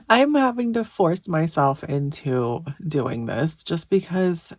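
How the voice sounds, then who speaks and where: A budgeting vlogger in her thirties, stuffy and exhausted, chats casually and rambles a little while doing her weekly budget. Her voice is low-pitched and animated, she takes her time, and there's no echo.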